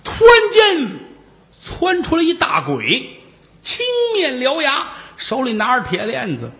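A man telling a comic ghost story solo, with playful asides and acted-out shouts. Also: extremely high pitch, huge pitch swings, a little slow. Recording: reverberant room.

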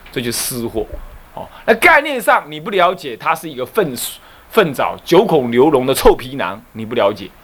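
Abbot, dharma talk, storyteller, high and very lively delivery. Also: male voice. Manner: animated storytelling, rhetorical questions. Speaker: Buddhist abbot teaching. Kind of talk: Buddhist dharma lecture.

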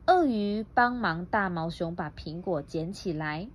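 A woman's voice: lowish voice, animated, unhurried. A woman reading a picture book aloud to her child, playful and laughing, stopping often to quiz the child.

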